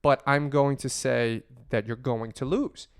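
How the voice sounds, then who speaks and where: A man's voice: mid-range voice, fairly even intonation, measured pace, smooth, no room sound, clean studio sound. A man co-hosting a fantasy football podcast, chatting casually with crude, joking banter. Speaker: podcast co-host. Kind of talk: casual chat.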